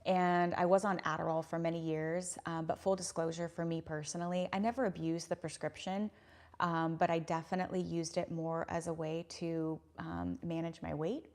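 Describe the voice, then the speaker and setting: A woman's voice: lowish voice, fairly even intonation, normal speed, a little mellow. A woman in her thirties hosting a casual livestream, reading viewer comments and talking in an earnest, rambling way with lots of fillers. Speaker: YouTube livestream host.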